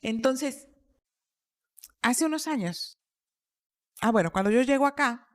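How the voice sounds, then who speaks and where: A woman's voice: a little high, animated, slow pace, dry recording, clean studio sound. A middle-aged woman telling a personal story in casual podcast chat, repeating phrases for emphasis. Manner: acts out quoted dialogue. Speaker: podcast speaker.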